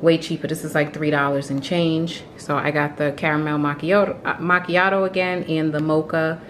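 A woman in her thirties with a deep, steady voice talks at a moderate pace, with a little hiss or hum on the audio. Filming on a handheld phone in her home kitchen, this vlogger shows off groceries and chats about cleaning, venting with small laughs.

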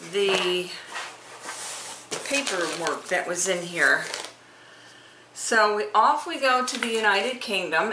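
A middle-aged woman vlogging a casual snack taste test, chatty and homey, thinking aloud as she goes. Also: mid-range voice. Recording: echoey room with clear noise.

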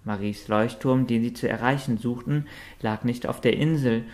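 A man narrating an audiobook in a calm, even storytelling manner. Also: mid-range voice, normal speed. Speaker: audiobook reader. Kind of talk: scripted narration.

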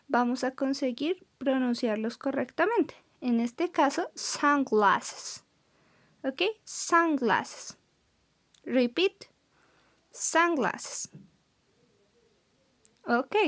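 In this recorded classroom lesson, a young woman from Colombia, her voice high-pitched and a little mellow, teaches English vocabulary. Moving between Spanish and English, she pronounces every word slowly and clearly for the class.

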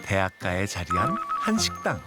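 A man's voice: sits low, wildly swooping pitch, normal speed. A man reading scripted documentary narration in a storytelling manner. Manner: storytelling, rhetorical questions. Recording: loud music under the voice-over.

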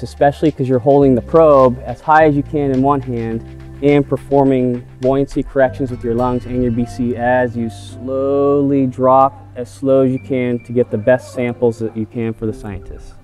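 A man's voice: mid-range voice, fairly even intonation, moderate pace, a little mellow, soft background music. A man in his thirties, a cave diver, explaining a procedure step by step in an outdoor interview on a lapel mic. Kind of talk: documentary interview. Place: outdoors in a forest.

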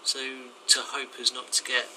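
Man, bright forceful voice, flat delivery. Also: medium pitch, moderate pace, poor audio. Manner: informal, colloquial. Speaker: hobbyist demonstrating a homemade project. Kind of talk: casual handheld video explanation. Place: small domestic kitchen, indoors. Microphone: handheld phone or camera behind the lens. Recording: steady machine hum behind the voice.

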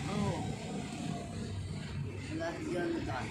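A woman's voice: lowish voice, slow. An older woman, a mother, answering in short mumbled replies in a casual family chat. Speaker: vlogger's mother. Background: loud background music.

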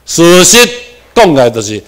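This is a man with a Taiwanese accent giving a lecture to a class. His voice sits a little high for a man and swings up sharply whenever he stresses a point. He moves between Hokkien and Mandarin with English words mixed in. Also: a little slow. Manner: animated, with sudden rises in pitch and volume for emphasis. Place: lecture room.

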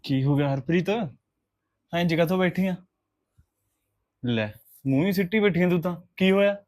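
A placating young husband from a drama film, played by a man, who coaxes his upset wife and keeps repeating reassurances. His voice sits somewhat high for a man. He speaks in an everyday, gentle tone. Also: normal speed, close to an everyday voice. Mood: concerned. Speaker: actor in a short film.

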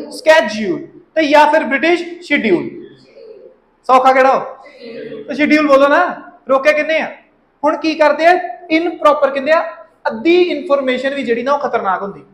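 A man with a Punjabi accent teaching an IELTS pronunciation class, repeating words over and over and often asking the students if it is clear. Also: extremely high pitch, fairly bright tone, roomy sound, poor audio. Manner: drills words by repeating them, checks in often with "okay?".

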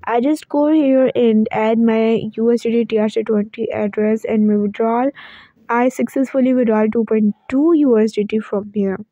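Woman walking thru an app, kinda hesitant, lots of ums, mellow gravelly voice, dry sound. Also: fairly high pitch, fairly even intonation, moderate pace, dry recording, dull audio. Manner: hesitant, with frequent um and uh fillers; instructional, addressing viewers as guys. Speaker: channel host. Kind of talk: screen-recorded app walkthrough.

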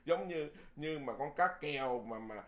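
A man who is a Buddhist monk, giving a Dharma sermon in a lively, folksy way, often repeating words and chuckling. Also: fairly high pitch, unhurried.

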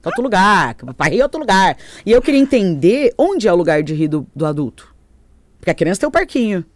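A young Brazilian woman, a guest on a talk show, chatting playfully and animatedly and slipping into quick impressions. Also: mid-range voice, big pitch swings, dry recording. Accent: Brazilian Portuguese. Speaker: guest, good-humor specialist. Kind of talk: casual chat.

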